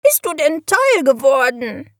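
A woman voicing a male raven companion with a croaky voice who scolds and frets in a storybook reading. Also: high-pitched, big pitch swings, a little slow, fairly bright tone, dry recording, clean studio sound, voice pushed up, heavily acted. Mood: scolding. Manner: scolding, alarmed.

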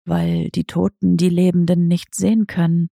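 A suave tomcat from a storybook speaks calmly and in riddles, his voice pitched low and gravelly as a woman reader puts it on. The recording is close and dry, with no room around it. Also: normal speed, no room sound. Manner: calm, riddling, gently condescending. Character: cryptic, suave male talking tomcat.

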